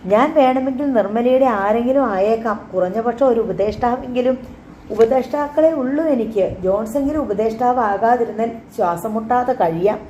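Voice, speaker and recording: A woman reading the lines of a sharp-tongued, lonely young wife in an audiobook, with quick, cutting remarks. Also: fairly high pitch, a little hiss or hum, lightly acted. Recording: roomy, slightly dull recording.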